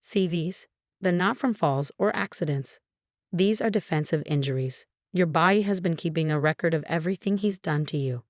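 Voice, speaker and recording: A woman reading as a gentle X-ray tech. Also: lowish voice, normal speed, no echo, clean studio sound, natural voice. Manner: soft, reassuring. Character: kind, gentle female X-ray technician, protective.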